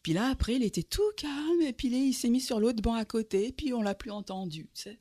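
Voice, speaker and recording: A woman's voice: fairly high pitch, a little fast. Québécoise woman telling a story. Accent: Québécois French. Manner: lively, animated retelling with many fillers. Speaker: guest. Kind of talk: storytelling in conversation.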